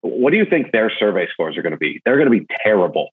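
A man in an interview talking about event planning and meals, telling stories with lively jumps up in pitch when he gets excited. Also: fast, slightly rough. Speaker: podcast guest, event marketer. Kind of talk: casual interview talk. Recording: narrow phone-like audio.

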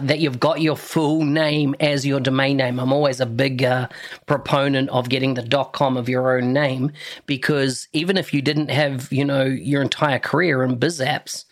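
A man hosting a casual interview, chatty and asking his guest open questions. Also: mid-range voice. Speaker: host.

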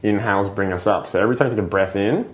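A man with a fairly low voice talks as a guest on a podcast. He explains breathing and the body in a casual, patient way. He leans on fillers like "like" and keeps checking in with "right?". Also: racing. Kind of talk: casual explanatory interview talk.

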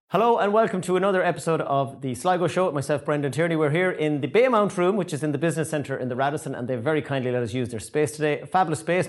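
A man hosts a chatty interview podcast. He talks very quickly, and his voice is pitched a bit above the usual for men. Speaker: podcast host.

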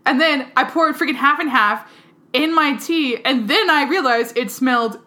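Young woman podcaster, bright forward voice, chatty storyteller, mild sore throat, echoey room. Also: high-pitched, moderate pace. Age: 20s. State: has a cough and sore throat. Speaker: podcast co-host. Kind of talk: casual chat. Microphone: one mic shared by two people. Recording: echoey room, one shared mic.

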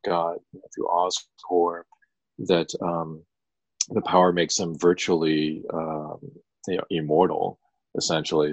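A man's voice: low voice, creaky, husky, no echo, dull audio. A man co-hosting a podcast, retelling a story at length with frequent ums and restarts. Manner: rambling storyteller, many ums. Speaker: podcast co-host, attorney. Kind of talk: casual podcast chat.

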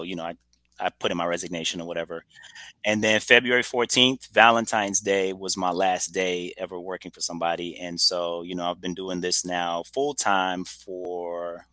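A man's voice: low-pitched, pushed and bright, no room sound. A man in his forties from Trinidad and Tobago, a guest telling his story in an upbeat, chatty way. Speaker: podcast guest, entrepreneur. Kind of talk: casual interview storytelling.

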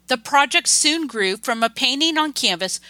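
A woman giving scripted documentary narration in a measured, even manner. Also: high-pitched, no room sound, rough recording. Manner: measured, reads quotes aloud. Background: music.

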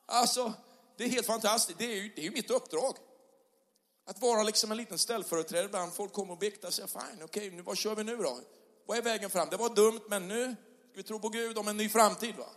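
A middle-aged male pastor preaching a sermon in a church hall, conversational with tag questions, rising to loud passionate peaks. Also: high voice. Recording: long hall reverb.

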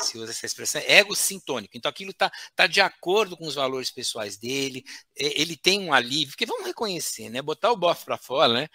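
A man speaks as an expert guest on a talk show, teaching in a didactic way and ending phrases with quick tag questions. His voice is bright and lively, moving a lot in pitch. The sound is dry and close. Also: no echo. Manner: didactic, with frequent "né?" tags and restarts. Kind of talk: explanatory talk show chat.

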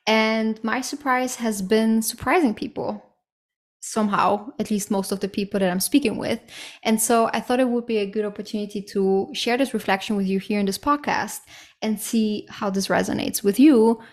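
A woman in her thirties with a medium-pitched, steady voice talks at normal speed on her solo podcast. She reflects candidly and casually, with the odd swear word and lots of "like" and "right?".

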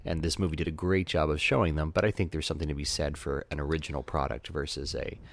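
A man's voice: very deep voice, level tone, fast, gravelly. A man co-hosting a podcast, chatting casually about a film and often repeating words as he starts a thought. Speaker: podcast co-host. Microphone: headphones and podcast mic.

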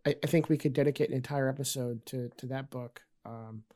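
A man's voice: mid-range voice, fairly even intonation, brisk, warm tone. A man hosting a podcast, explaining things in a casual conversational way. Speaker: podcast host.

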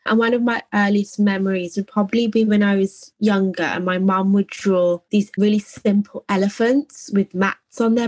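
A young English artist answers interview questions softly and reflectively, with plenty of "like" and "I think." Her voice sits in the mid range, and the recording has no room sound.

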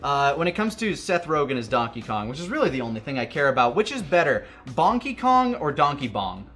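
A man's voice: medium pitch, very animated, quick pace, fairly bright tone, soft background music. A man hosting a podcast in casual chat, joking and rambling with plenty of fillers. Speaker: podcast host.

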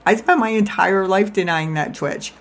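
In a medium-pitched voice at normal speed, a woman life coach and podcast host shares a loose, confessional monologue about her own life. She speaks from one side of her mouth and keeps putting herself down.

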